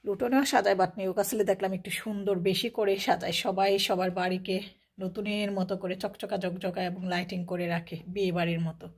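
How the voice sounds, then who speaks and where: A woman's voice: medium pitch, steady tone, a little fast. A woman vlogging from her home, filming out a window with a phone and talking in a chatty way that repeats itself and mixes in English words. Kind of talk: casual vlog narration.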